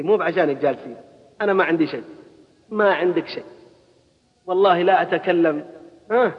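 A man preaching a colloquial sermon, swinging into loud exhortation, recorded at a mosque gathering. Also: high voice, in a large hall, highs cut off.

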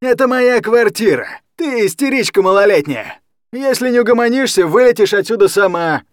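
A man's voice: on the high side, expressive, normal speed, no echo, clean studio sound, pitched above the performer's own voice, natural voice. A man voicing a drunk, boorish middle-aged guardian who slurs and mumbles his words, in a storybook reading. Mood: threatening, shouting.

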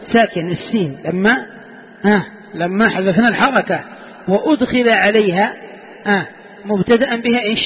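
A man teaching a classroom lesson, often quizzing his students and repeating key words. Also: high-pitched. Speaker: teacher of Quranic exegesis. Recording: phone-like sound with long hall reverb.

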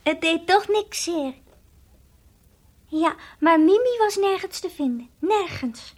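A woman's voice: expressive, takes it slowly, a little mellow, heavily acted. A woman voicing a timid, childlike toy dog in an old radio play, earnest and confiding, sometimes whispering. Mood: dutiful. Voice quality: high childlike voice, drops to whispers. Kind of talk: 1960s radio drama acting.

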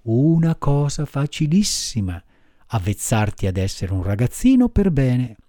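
A man voicing a patient, motherly fairy woman, speaking softly and firmly in an audiobook reading. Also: big pitch swings, no echo, studio quality. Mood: gentle. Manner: soft lowered voice, measured admonishing tone. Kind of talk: audiobook character voice.

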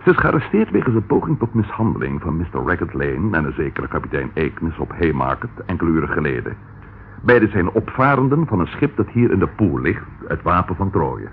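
In a tinny, noisy old radio recording, an actor plays a male police detective who reports in a wry, matter-of-fact way. His voice is low and sing-song, and he speaks a little fast.

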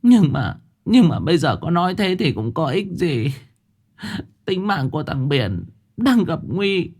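A man's voice: a little high, big pitch swings, a little slow, darkish tone, breathy edge, pitched above the performer's own voice, exaggerated voice. A man voicing a worried older village mother who pleads through tears in a storybook ghost tale. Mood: tearful pleading. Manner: sobbing, pleading.

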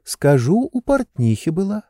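A man's voice: sits high, very animated, a little slow, warm tone, no room sound, studio quality, pitched above the performer's own voice, heavily acted. A man reading an audiobook, voicing a playful, teasing young woman with a capricious manner.

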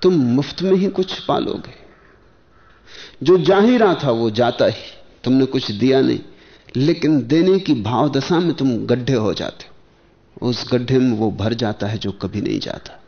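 A spiritual teacher, a man, speaks in slow, measured phrases, pausing often and posing rhetorical questions. His voice has a gravelly edge at mid pitch. The sound is muffled and lo-fi, like an old archival lecture tape. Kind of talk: spiritual discourse.

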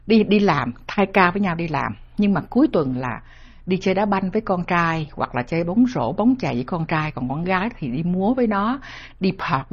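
A middle-aged woman talks straight to her viewers, earnest and lecturing. Her voice is husky and swings widely in pitch. The recording sounds dull and lo-fi. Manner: earnest, lecturing, acts out family dialogue. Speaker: host sharing life advice. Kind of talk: direct-address talk to viewers. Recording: dull lo-fi audio.

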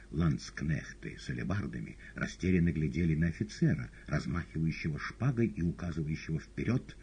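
A man reading an audiobook novel in a calm, steady narration. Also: very deep voice, slight background noise. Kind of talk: scripted narration. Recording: dull lo-fi audiobook recording.

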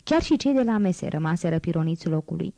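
A woman narrating an audiobook in a steady, expressive literary reading style. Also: lowish voice, no room sound, poor audio.

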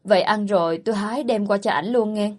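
A woman voicing a naive, eager young rural wife who speaks softly and politely in a storybook reading. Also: medium pitch, quick pace, lightly acted.

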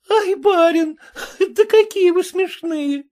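A man doing a high, chatty peasant nurse. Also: moderate pace, a little mellow. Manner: chatty, giggly, folksy. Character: cheerful peasant wet-nurse woman.

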